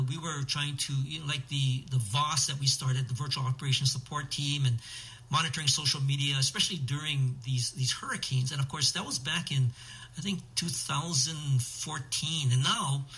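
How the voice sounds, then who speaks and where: A man speaks as a public radio host in a conversational interview. His voice is bright and forward, pitched a little high for a man. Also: rough recording.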